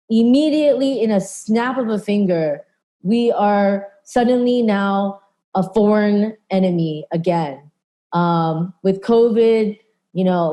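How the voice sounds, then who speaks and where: A woman's voice: medium pitch, warm tone. A woman from California speaking earnestly in a panel talk, with many fillers and restarts. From California, USA. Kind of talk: conversational panel discussion.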